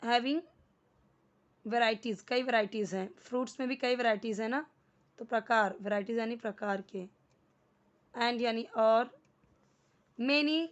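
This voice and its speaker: A woman teaching English in Hindi, explaining sentences slowly word by word and mixing English words into her speech. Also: on the high side, muffled recording. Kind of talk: spoken English lesson in Hindi.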